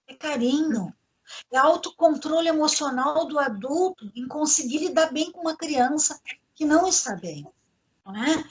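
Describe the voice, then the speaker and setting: A woman, hosting a panel discussion on parenting and earnestly instructing the audience. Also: high-pitched. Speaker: host, educational psychologist.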